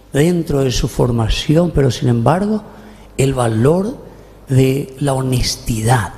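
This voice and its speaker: Gravelly Paraguayan priest in echoing church. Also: male voice, medium pitch, mellow. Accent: Paraguayan Spanish. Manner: folksy, often asks "¿verdad?". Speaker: parish priest. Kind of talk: conversational homily at Mass. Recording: long church reverb.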